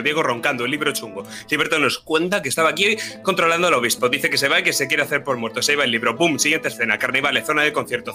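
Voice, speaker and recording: A man recapping a role-playing session in quick, clipped, telegraphic phrases, jumping in and out of character voices, over soft guitar music. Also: medium pitch. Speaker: player recapping the campaign. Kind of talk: rapid comic session recap.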